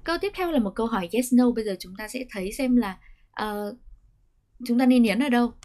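A woman with a Vietnamese accent gives a pronunciation lesson in a fairly high voice. She explains clearly and patiently, and she slows down whenever she models an English example sentence. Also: dark tone.

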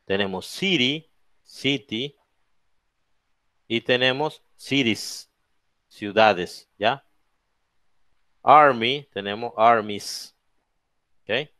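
A man's voice: mid-range voice, sharp tone, dry recording. A man teaching English grammar to a class, explaining each rule in English and then in Spanish, often checking understanding with "okay?". He has a Latin American Spanish accent. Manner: slow, drawn-out spelling of letters and example words. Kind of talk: bilingual classroom lesson.

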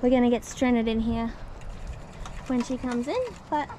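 Young Australian woman, upbeat campsite vlogger, slightly high voice, noisy outdoor camera audio. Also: steady tone, unhurried. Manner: chatty, upbeat, slangy. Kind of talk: casual camping chat. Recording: outdoor camera with clear background noise.

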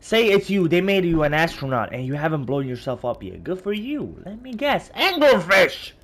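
A man reading a gruff veteran male space explorer aloud, folksy and teasing. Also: fairly high pitch, sing-song, normal speed, fairly bright tone, pitched above the performer's own voice.

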